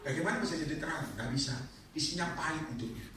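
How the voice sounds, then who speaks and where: A male evangelist, preaching an animated sermon that swings into loud shouted peaks and acted-out scenes. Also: fairly high pitch, fast talker, a little hiss or hum. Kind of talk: lively church sermon. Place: large church hall. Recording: echoey hall, distant mic.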